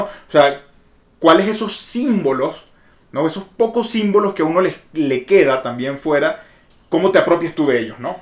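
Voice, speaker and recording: Venezuelan guy on a podcast, kinda emotional, voice fades off at the ends, bit of room echo. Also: on the high side. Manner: reflective, emotional, trailing off softly. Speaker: podcast co-host. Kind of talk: casual conversation.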